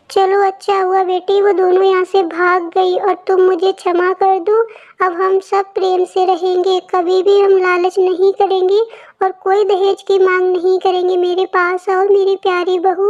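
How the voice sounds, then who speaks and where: Cartoon: woman playing an older mother-in-law, dramatic, loud pleading, very high pitch. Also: highs cut off.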